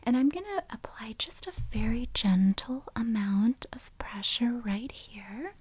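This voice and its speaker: A woman doing a whispered role-play as a calm, gentle foot doctor, explaining each step softly and methodically in a breathy whisper. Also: a little high, unhurried, dry recording, rough recording. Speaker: ASMR performer playing a foot doctor.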